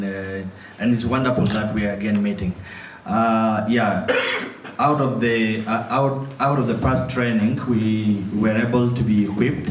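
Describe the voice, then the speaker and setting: A man with a low voice greets fellow trainees in a friendly, hesitant way, with plenty of fillers. The sound is echoey, and he is some distance from the mic. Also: slight background noise. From South Sudan.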